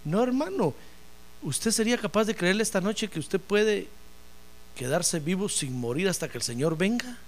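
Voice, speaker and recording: Animated high-voiced man preaching. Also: normal speed, a little hiss or hum. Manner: animated, addresses congregation as hermano, acts out dialogue. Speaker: pastor. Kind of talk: sermon. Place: church in Phoenix.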